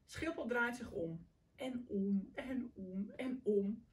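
A woman reading a picture book aloud to children, telling it in an animated, warm storytelling style. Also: a little high, slow, distant mic.

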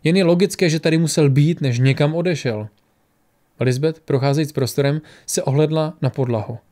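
Man narrating an audiobook steadily. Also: fairly high pitch. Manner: steady, even storytelling. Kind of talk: scripted narration.

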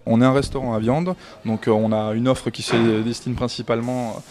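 A thirtysomething French restaurant manager speaks into a handheld reporter mic during an on-camera interview in his small restaurant. His medium-pitched, slightly mellow voice is steady and a little fast, broken up by hesitations, fillers, and restarts.

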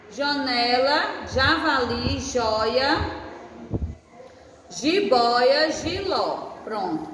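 Slow, high-voiced woman teacher. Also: fairly bright tone. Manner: slow, sounding out letters and syllables patiently. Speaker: first-grade teacher. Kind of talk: recorded online class lesson. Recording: echoey room with faint noise.

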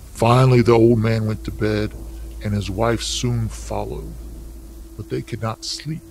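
A man reading a story aloud for language learners, with slow, careful, deliberate delivery. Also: on the low side, creaky, darkish tone, a little hiss or hum. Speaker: narrator.

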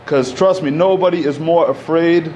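A man in his thirties gives an unscripted talk into a podium microphone in a community center. His voice sits a little high for a man, and his speech is loose and conversational, full of fillers and restarts. Faint hiss and room noise hang under his voice. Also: normal speed, a little mellow. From Egypt. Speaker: panel speaker. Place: community center hall, indoors.

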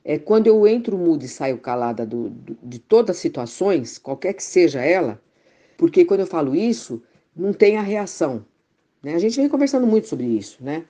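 Low-voiced woman, halting and confessional. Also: big pitch swings, warm tone. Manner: halting, many fillers and restarts. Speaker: conversation partner in spiritual talk. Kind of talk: casual reflective conversation.

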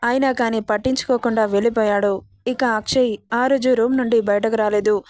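A woman narrating an episode of a romance serial story in a steady, expressive reading voice. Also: on the high side, dry recording.

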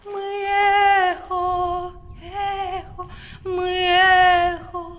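A woman's voice: very high-pitched, level tone, extremely slow, fairly bright tone, muffled recording, slight background noise. A woman vlogging while out walking, singing and calling out in a space with a strong echo that throws her voice back. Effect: strong echo of a hollow space. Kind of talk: casual chatty vlog. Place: echoey space outdoors on a walk through town.

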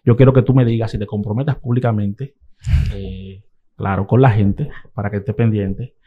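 A man's voice: on the low side, fairly even intonation, normal speed, breathy edge, narrow, tinny audio. A man hosting an interview, asking questions and encouraging his guest. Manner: encouraging, short backchannels. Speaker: interviewer host. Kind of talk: casual interview.

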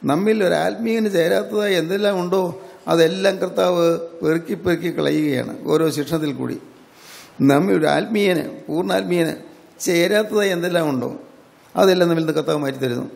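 A man's voice: high voice, fairly quick, gravelly, a little mellow, long reverb tail. An older man with a Malayali accent preaching an earnest sermon, repeating phrases and breaking into prayer.

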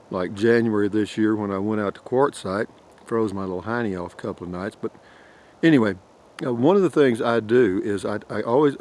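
An older camping vlogger with a drawl rambles in a folksy way, chuckling often, into a phone held at arm's length out in a pine forest. His voice is fairly low and darkish, with slight background noise.

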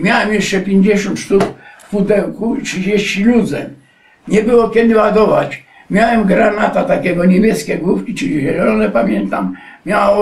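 An elderly man in his nineties tells his memories as a veteran in a rambling, digressive way, often turning to the interviewer with a polite "sir". His voice sits high for a man. He is heard from a distance in a roomy, echoey space. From Poland. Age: 90s. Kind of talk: oral history recollection. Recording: echoey room, distant mic.

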